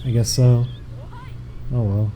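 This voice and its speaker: A young man on a game stream reads out donation messages in a relaxed, meandering way. His medium-pitched voice takes things slowly over a noisy background.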